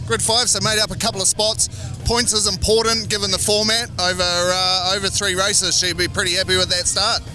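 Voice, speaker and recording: Male Kiwi pit reporter, high voice, casual and blokey, upbeat, music bed underneath. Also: little pitch movement, fairly quick, pushed and bright. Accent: New Zealand. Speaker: commentator and pit interviewer. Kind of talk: casual sports interview. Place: outdoors in speedway pits. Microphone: handheld interview microphone. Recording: music behind trackside speech.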